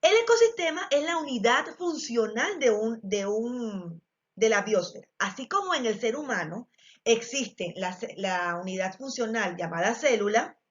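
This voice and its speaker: A woman with an Ecuadorian Spanish accent teaching a biology class, explaining step by step with frequent fillers and check-ins to the students. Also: fairly high pitch. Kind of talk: recorded class lesson. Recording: dull lo-fi recording.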